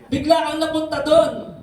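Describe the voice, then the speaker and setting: In a church hall, a man preaching as pastor talks conversationally and often asks his congregation questions. His voice is very high-pitched with a darkish tone. The hall is very echoey, and the distant mic picks up faint noise.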